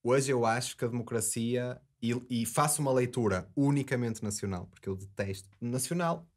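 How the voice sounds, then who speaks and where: A man's voice: medium pitch, normal speed. A man in his thirties with a European Portuguese accent, a podcast guest in casual debate, earnest and digressive with many restarts. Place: small studio with acoustic foam. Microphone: desk mic on boom arm.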